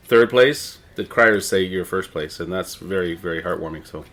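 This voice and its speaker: A middle-aged Canadian man with a fairly low voice speaks as an interview guest. He talks conversationally, rambling a little and often doubling back on his words. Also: moderate pace, fairly bright tone. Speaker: interviewee, town crier and visitor services manager.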